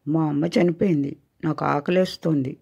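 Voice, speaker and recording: A woman's voice: deep voice, steady tone, normal speed, vocal fry, dark tone, slightly rough, full character voice. A woman voicing a hungry, orphaned baby kitten in a tearful, plaintive way. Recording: dull lo-fi recording.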